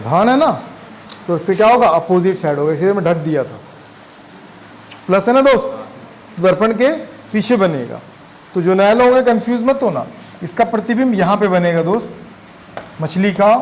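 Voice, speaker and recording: A man's voice: high voice, slight background noise, rough recording. A man teaching a physics class, chatty and constantly quizzing his students. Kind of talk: classroom lecture.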